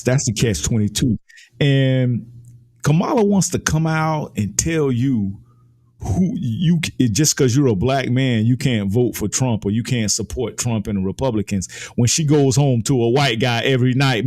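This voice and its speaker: Emphatic and opinionated, this American political commentator repeats phrases to make them land. His medium-pitched, darkish voice has lively intonation and a measured pace.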